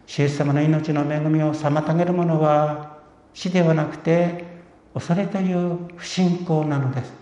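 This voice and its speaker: A man preaching a sermon in an earnest, measured way. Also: a little high, fairly even intonation, warm tone. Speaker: pastor. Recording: echoey room, dull lo-fi sound.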